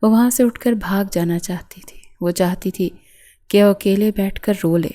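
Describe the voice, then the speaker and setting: A woman narrating a romantic novel in a soft, unhurried reading voice. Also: medium pitch. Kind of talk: scripted narration.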